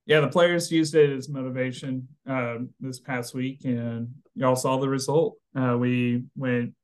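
A man with a drawl co-hosts a relaxed football podcast. He keeps things loose and chatty, breaking into laughs as he talks. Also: medium pitch, unhurried. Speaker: podcast co-host. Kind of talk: casual sports chat.

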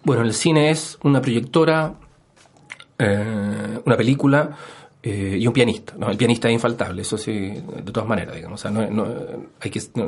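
A man's voice: lowish voice, breathy edge. A man with a Chilean accent, a historian guest on a radio interview, explaining at length with many fillers and tag questions. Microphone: studio microphone.

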